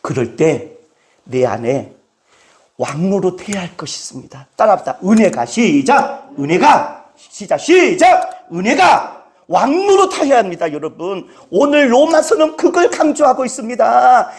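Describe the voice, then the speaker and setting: Emphatic preaching man, lively pitch. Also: unhurried. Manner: emphatic, leads call-and-response with the congregation. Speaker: pastor. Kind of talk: preaching a sermon. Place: church.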